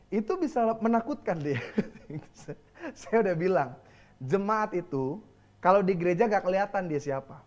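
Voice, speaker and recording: A male pastor with an Indonesian accent preaches a lively sermon, telling stories and laughing as he goes. His voice sits high, and the recording has its highs cut off.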